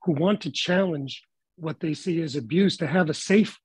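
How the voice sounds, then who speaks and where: A man talks on a video call panel in a slightly high, husky voice, picked up close and dry. He speaks in a measured, reflective way and often restarts words while he gathers his thoughts. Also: dry recording, poor audio. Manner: measured, thoughtful, with frequent fillers and repeated words. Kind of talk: panel discussion remarks.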